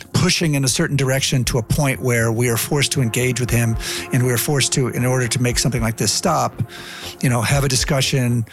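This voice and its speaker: A man giving plain-spoken interview commentary as an expert, with a rhetorical turn. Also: medium pitch. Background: music.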